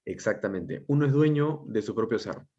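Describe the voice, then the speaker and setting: A man teacher giving an online class lecture, explaining step by step and often checking in with a quick question. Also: fairly low pitch, expressive, mellow. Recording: dull lo-fi audio.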